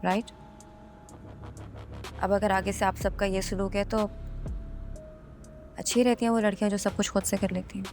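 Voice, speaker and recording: A headstrong young daughter in a TV drama, played by a woman, with a Pakistani accent. Her voice is flat and gravelly. She insists on her own way with her father. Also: medium pitch, normal speed, long pauses, faint music behind, lightly acted. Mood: defiant. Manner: defiant, insistent.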